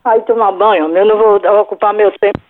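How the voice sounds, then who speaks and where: A woman's voice: medium pitch, fairly even intonation, brisk. A woman heard over a phone line, flustered and firmly denying as a prank call target. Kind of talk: unscripted phone conversation.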